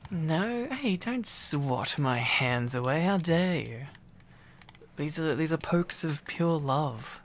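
Clingy and silly, a young man teases his way through a boyfriend ASMR roleplay, rambling playfully with halting repetitions. He sounds expressive and a little high, and a faint hiss or hum runs underneath.

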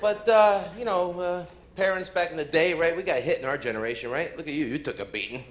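A man with a slightly high voice delivers a brisk stand-up set in a comedy club, brash and profane, needling the crowd. It's a live club recording, with room noise audible.

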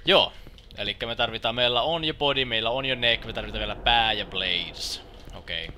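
A young man giving casual game commentary, swearing often and shouting English exclamations when excited. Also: mid-range voice, a little hiss or hum. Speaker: lets play gamer. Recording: loud in-game gunfire. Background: game gunfire and clicks.

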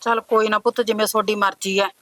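A woman's voice: medium pitch, little pitch movement, fast talker, a bit bright, dry recording, lightly acted, poor audio. A woman with an Indian Punjabi accent playing a caring family mother who soothes her daughter. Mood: coaxing. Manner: coaxing, motherly. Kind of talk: village family short film acting.

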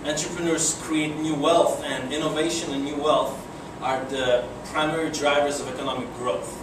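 A young man with a Polish accent gives a casual breakfast-meeting presentation as a guest speaker, facing a seated conference-room audience. His voice is a little high, with little pitch movement and a moderate pace, and he hesitates with many fillers and restarts. Air conditioning hums in the echoey room, and the mic sits far from him.

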